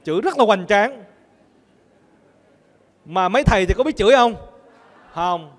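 Male Buddhist preacher, fairly high voice, call-and-response sermon, reverberant hall. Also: expressive, unhurried. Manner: asks the audience questions and answers them himself.

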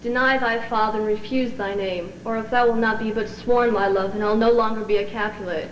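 A young woman acts a lovelorn stage heroine reciting old verse in a comic skit. Her voice is fairly high. It sounds off-mic and roomy, with faint tape noise. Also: steady tone, fairly quick, lightly acted. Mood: lovelorn, pleading. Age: young adult. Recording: distant echoey noisy old TV studio tape.

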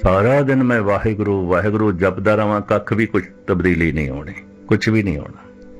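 A man preaching a Sikh sermon who poses rhetorical questions and slows right down to recite scripture lines. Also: fairly low pitch, soft background music. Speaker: Sikh preacher giving katha.

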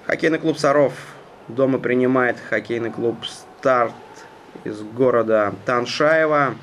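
Measured male hockey commentator, mid-pitched. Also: fairly bright tone. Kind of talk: live sports play-by-play commentary. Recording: noisy ice rink ambience. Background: arena noise.

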